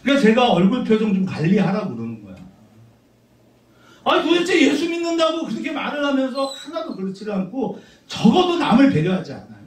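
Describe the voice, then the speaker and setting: A middle-aged man preaching a sermon as pastor, conversational and animated, teasing his congregation. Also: very high-pitched, brisk, a little hiss or hum. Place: church sanctuary. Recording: roomy church sound from a distant mic.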